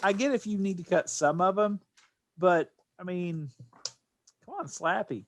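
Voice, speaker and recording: Speaking a little slowly, an American podcast host with a high, expressive voice chats casually. His talk meanders, and he keeps circling back to repeat or restart what he's saying.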